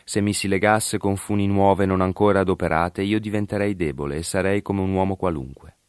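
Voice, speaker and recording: A man's voice: low voice, steady tone, a little fast, clear, resonant tone, dry recording, studio quality, close to an everyday voice. Man voicing a grave, mighty strongman. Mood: solemn.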